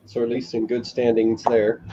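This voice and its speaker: A man's voice: mid-range voice, completely flat delivery, normal speed, warm tone, dull audio, slight background noise. A man playing a tabletop role-playing game, talking casually and speaking for his character.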